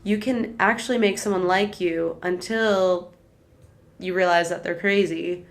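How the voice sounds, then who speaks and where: A woman's voice: lowish voice, fairly even intonation. A young woman co-hosting a podcast, telling personal stories in casual chat with many "like"s. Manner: slow, drawn-out storytelling, lots of "like".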